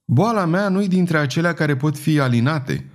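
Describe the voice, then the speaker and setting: A man's voice: fairly high pitch, animated, pitched above the performer's own voice, close to an everyday voice. A man voicing Saizuma, a dazed wandering fortune-teller. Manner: slow, murmuring, dazed delivery. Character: wild-hearted madwoman, a wandering fortune-teller.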